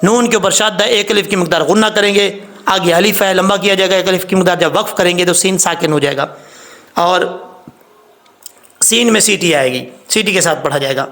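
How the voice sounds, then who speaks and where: High gravelly male tajweed teacher. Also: a bit bright. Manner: patient step-by-step explaining, spelling out sounds slowly; stresses common mistakes and repeats rules. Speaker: Quran recitation teacher. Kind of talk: tajweed lesson.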